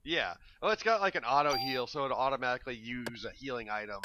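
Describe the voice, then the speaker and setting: A man's voice: medium pitch, fast, low-quality recording. A man giving casual commentary over his game playthrough, laid-back, laughing often and swearing now and then. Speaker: let's play commentator.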